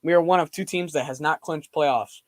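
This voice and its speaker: A young man chatting casually on a live stream from home while standing and moving around, so his voice drifts nearer and farther from the microphone. He rambles and reacts out loud. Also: a little high, moderate pace, no echo. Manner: rambling, reacts loudly to plays.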